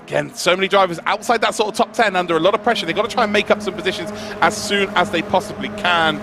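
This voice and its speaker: A man's voice: high-pitched, quick pace, music in the background. A man giving live motorsport commentary on esports sim racing, analysing in a conversational, enthusiastic way.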